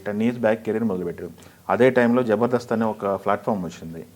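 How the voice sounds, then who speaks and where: Low-voiced calm male interviewer. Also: very fast. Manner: calm, brief listening murmurs between questions. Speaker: senior journalist, interviewer. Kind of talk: interview questions.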